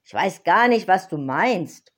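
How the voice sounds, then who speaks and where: A woman voicing a frightened grown man who loudly and pleadingly denies knowing his friend. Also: on the low side, expressive, a little slow. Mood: panicked denial. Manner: loud, pleading, breathless denials. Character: frightened adult man, a disciple, denying in panic.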